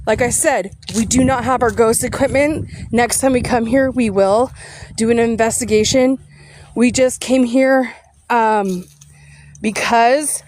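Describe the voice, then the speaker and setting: Breathless high-voiced woman vlogging outdoors. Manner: chatty, addresses viewers directly. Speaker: paranormal vlogger. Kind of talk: casual vlog, reading a sign aloud. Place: outdoors at a cemetery.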